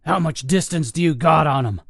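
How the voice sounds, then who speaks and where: A man doing a brusque military officer giving orders over a radio. The voice is lifted somewhat above the narrator's own and stays firm and steady. The recording is dry and up close. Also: a little high, brisk, creaky, no echo, voice pushed up. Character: gruff male military commanding officer.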